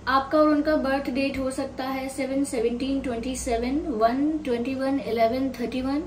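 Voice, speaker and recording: A woman giving a tarot reading to viewers, mixing Hindi and at an unhurried pace, her throat slightly sore. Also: sits high, steady tone. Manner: unhurried, mixing Hindi and English, thinking aloud. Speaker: tarot reader. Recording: roomy sound, mic at a distance, faint hiss.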